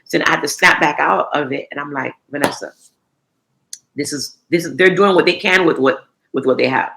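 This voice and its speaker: Against a noisy background, a woman with a low, creaky voice speaks a little fast. A recycling entrepreneur from the US in her thirties, she's a guest in a relaxed interview, with lots of restarts and fillers.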